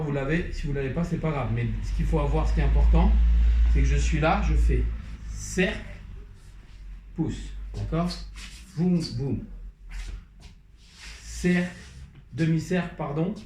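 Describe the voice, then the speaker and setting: A man's voice: on the high side, measured pace, pauses often, mellow, recorded from a distance, a little hiss or hum. A man teaching a hip-hop dance class, counting beats and scatting rhythm sounds while he demonstrates moves. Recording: echoey room, voice off-mic.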